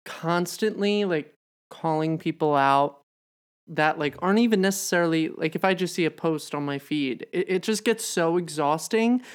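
Chatty low-voiced young woman co-host. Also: moderate pace, smooth. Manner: chatty, lots of "like" fillers, animated quoting. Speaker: podcast co-host. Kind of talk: casual chat.

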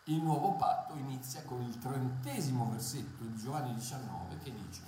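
A man preaching a Bible sermon, impassioned and emphatic, repeating key phrases and pausing on hesitant fillers. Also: mid-range voice, lively intonation, dark tone. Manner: impassioned, emphatic repetition, halting fillers and restarts. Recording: very echoey room, faint noise.

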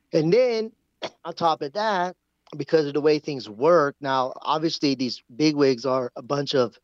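A man's voice: on the high side, dry recording. A man calling in by phone, talking in a casual, rambling way with restarts, and sick with the flu. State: has the flu, coughing at times. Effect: heard over a phone line. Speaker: caller. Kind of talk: casual call-in chat. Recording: dull phone-line sound, dry.

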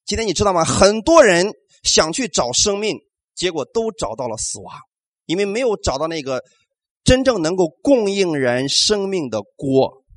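Animated high-pitched male preacher. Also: normal speed, dry recording. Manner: animated preaching with rhetorical questions and call-and-response amens. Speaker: pastor. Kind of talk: sermon.

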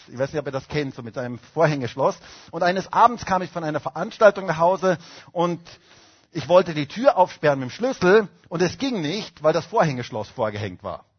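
A middle-aged pastor preaching at a baptism service, telling stories with fillers and emphatic declarations. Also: male voice, a little high, husky, highs cut off. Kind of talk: baptism sermon. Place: church service.

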